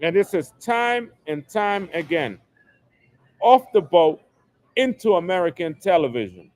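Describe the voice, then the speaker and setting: A male livestream host in New York rants alone from his home setup, emphatically repeating the same phrases. His high-pitched voice is sing-song with a darkish tone, and his pace is measured. The recording is dry.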